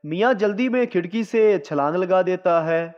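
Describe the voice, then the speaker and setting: A man reading out a series of short jokes in a scripted, unhurried storyteller's delivery. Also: high-pitched. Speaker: joke narrator. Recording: dull lo-fi sound with long reverb.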